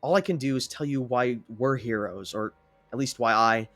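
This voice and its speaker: A man voicing a sincere young male hero who speaks in an earnest, steady way. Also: mid-range voice, moderate pace, no echo, soft background music, natural voice.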